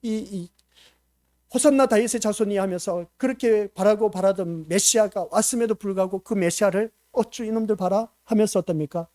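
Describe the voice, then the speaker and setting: High-voiced man preaching a sermon. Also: fairly quick, dry recording, studio quality. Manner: emphatic preaching, rhetorical questions to the congregation, swings from loud to hushed. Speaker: pastor. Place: church.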